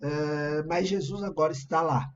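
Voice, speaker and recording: A man's voice: a little high, steady tone, a little slow, lo-fi sound. A man with a Brazilian Portuguese accent preaching a sermon in a conversational, explanatory way to an online congregation. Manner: conversational, explanatory, shares screen slides. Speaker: pastor.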